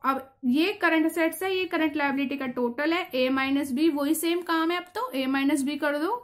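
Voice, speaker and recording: Female tutor with a high voice and a patient, step-by-step lecturing manner. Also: normal speed. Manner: explains patiently, checks in with "theek hai". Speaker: commerce teacher.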